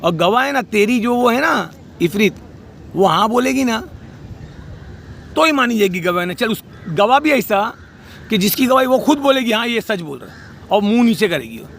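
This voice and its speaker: A man's voice: high-pitched, animated, moderate pace, long pauses, fairly bright tone, slight background noise. A man delivering a heated, scolding rant about a family dispute, outdoors by a street. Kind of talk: angry spoken rant.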